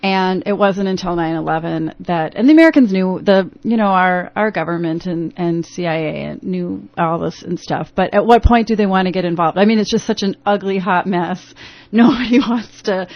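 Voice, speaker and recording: A woman's voice: on the low side, normal speed, no echo. A woman talking as a radio interview guest in a rambling way with many restarts, heard through a dull AM radio broadcast. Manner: rambling, full of restarts and fillers. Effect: AM radio broadcast sound. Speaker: interview guest, youth program founder.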